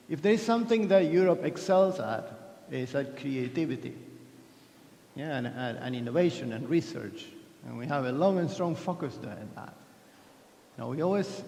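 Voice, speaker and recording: He speaks on the high side, a little mellow, with vocal fry. As a conference speaker from Argentina, he gives a chatty keynote, modestly mocking himself and restarting many times, in a large hall where the long reverb makes the audio echoey.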